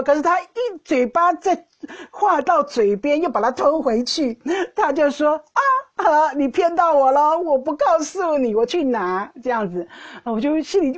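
A middle-aged woman hosts a casual podcast, telling a playful story and giggling often along the way. Her voice sits a bit high with a slightly husky edge. The recording is dull and lo-fi. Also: a little mellow. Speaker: podcast host.

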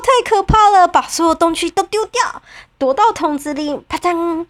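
Squeaky little meowing cats, put on by a woman. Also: unhurried. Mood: scared. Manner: high excited meowing voice. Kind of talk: storybook read-aloud.

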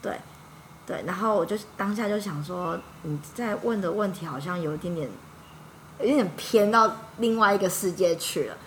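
A woman with a Taiwanese Mandarin accent chats as a podcast guest, her voice sitting a little low. She talks animatedly, piling up fillers and quick self-corrections, over a faint hum of background noise. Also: rough recording. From Taiwan, Yilan. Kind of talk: casual storytelling chat.

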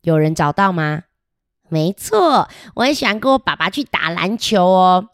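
In a children's picture book read-aloud, a storybook reader voices a chatty little boy about to start kindergarten, speaking straight to the young listeners in a playful, giggly, cheerful and boastful way. Her voice is on the low side and very animated at normal speed, and the studio-quality recording has no echo.

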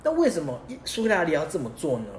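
A man's voice: a little high, fast. A young man hosting a podcast. He talks casually and animatedly, firing off rhetorical questions. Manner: animated, asks many rhetorical questions, chuckles at himself. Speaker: podcast host. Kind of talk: casual explanatory podcast monologue. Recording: roomy echo, faint background hiss.

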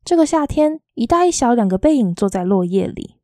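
A woman reads a novel aloud in a soft, quietly lilting storytelling voice. Her tone is mellow and warm, and the sound is dry and close. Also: fairly high pitch, big pitch swings, brisk, no room sound. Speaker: audiobook reader.

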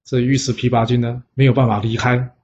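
A man's voice: medium pitch, a little fast, slight background noise. Chatty male storyteller, dull recording. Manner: lively, chatty, with frequent "呢" fillers. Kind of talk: casual storytelling narration. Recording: dull lo-fi sound.

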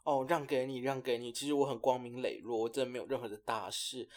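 A man's voice: medium pitch, fairly even intonation, fast, a little mellow. Wry young man. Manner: teasing, wry reactions. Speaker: podcast co-host. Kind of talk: casual chat.

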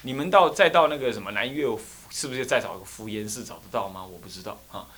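A man's voice: medium pitch, fast talker, a bit bright. A Taiwanese man, a Buddhist temple abbot, tells a story during a dharma lecture in Taiwanese Mandarin. He laughs often, acts out the characters and makes sound effects as he goes.

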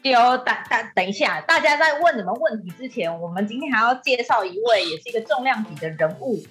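A woman with a Taiwanese accent hosting a talk show in a lively, casual style. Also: a little high, fairly quick, faint music behind.

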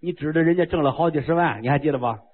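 Greedy king, low and conspiratorial, voiced by a storyteller; husky, tinny radio sound. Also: very fast, lightly acted. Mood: gleeful. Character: greedy middle-aged king, gleeful schemer.

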